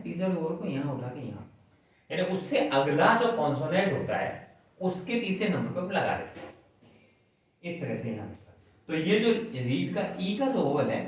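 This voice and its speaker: A man patiently teaching a shorthand class, explaining step by step and checking whether his students follow. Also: a little high. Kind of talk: classroom lesson explaining on a board. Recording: very echoey room, mic at a distance.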